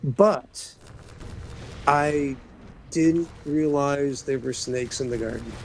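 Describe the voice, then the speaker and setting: A man's voice: mid-range voice, slow pace, a little hiss or hum, poor audio. A man hosting a casual spiritual chat, rambling with many restarts and trailing off.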